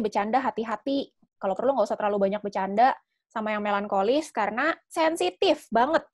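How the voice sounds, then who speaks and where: A woman giving a casual, animated talk on personality types, with frequent fillers. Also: a little high, dry recording, studio quality. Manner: lively, animated, chatty with fillers.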